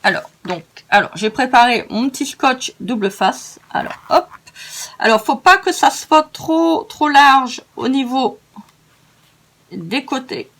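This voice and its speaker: A woman's voice: high-pitched, lively intonation, slow pace, a bit bright. A tired woman with a northern French accent, hosting a casual craft tutorial in a chatty, rambling way with many hesitations.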